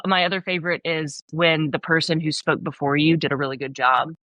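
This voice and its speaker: Emphatic Southern woman coach, lowish voice. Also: a little fast, no echo. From American South. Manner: emphatic, blunt, animated storytelling. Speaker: leadership coach, guest. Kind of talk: podcast interview.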